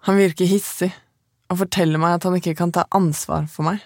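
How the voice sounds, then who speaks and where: A woman, the podcast's narrator, telling her own story in calm, measured, scripted first-person narration. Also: on the low side, no room sound, studio quality.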